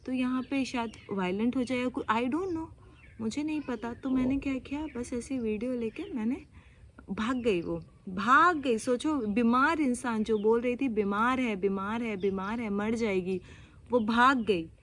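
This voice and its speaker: A woman's voice: on the high side, measured pace, a bit bright, a little hiss or hum. A young woman from India vlogging in a casual, confiding way, mixing in English phrases as she talks. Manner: chatty, mixes Hindi with English phrases.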